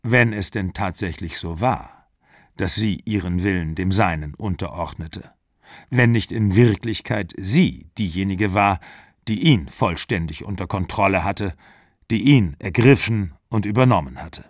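A man reading a literary novel aloud as an audiobook, measured and even in a studio. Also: deep voice, no echo. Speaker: audiobook reader.

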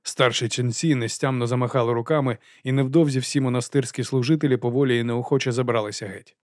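A man reading an audiobook in steady, even scripted narration. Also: medium pitch, quick pace, dry recording, clean studio sound.

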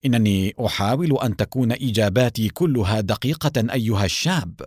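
A man's voice: on the low side, brisk, darkish tone, husky, no echo, studio quality. A man reading a story aloud and voicing a cold, haughty middle-aged doctor who speaks curtly and condescendingly.

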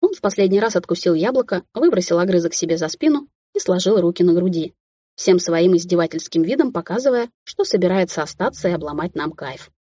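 A woman narrating a first-person romance audiobook in a soft, intimate, unhurried way. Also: on the low side, lively intonation, breathy edge, no echo, highs cut off.

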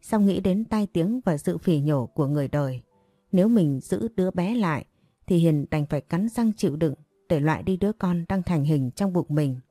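A woman reads a story in a steady, even way. Her voice is low and dark, dry and close, with faint music under it. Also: moderate pace, no room sound. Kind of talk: scripted story narration.

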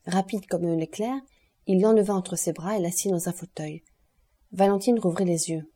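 Husky dark-toned woman reading aloud. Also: lowish voice. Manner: measured, steady reading. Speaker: audiobook narrator. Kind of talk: audiobook narration.

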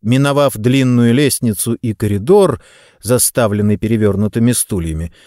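A man narrating an audiobook in an expressive storytelling manner. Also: mid-range voice, moderate pace, no echo, studio quality. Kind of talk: scripted narration.

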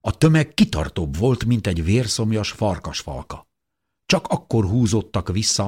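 A man reading an audiobook aloud in a dramatic, expressive scripted narration. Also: sits low, slightly rough.

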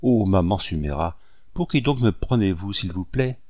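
A man playing a naive excitable young woman. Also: deep voice, moderate pace, no echo, muffled recording. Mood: indignant.

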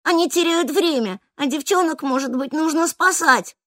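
A woman voicing a worried, indignant young girl who speaks high and protesting. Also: a bit bright, no echo, clean studio sound. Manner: high-pitched, quick to protest.

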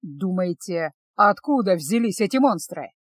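A woman voicing a solemn older male rescuer who speaks slowly and gravely. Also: expressive, no room sound. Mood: grave warning. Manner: slow, low and measured.

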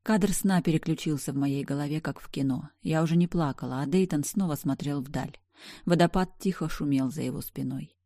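A woman narrating a story in first person, reading with expressive emotion. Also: deep voice, brisk, dry recording, clean studio sound.

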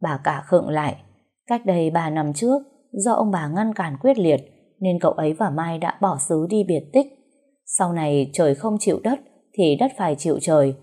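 A woman narrating a scripted audio story in an even storytelling manner. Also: fairly low pitch, normal speed. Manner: steady storytelling that voices every character herself.

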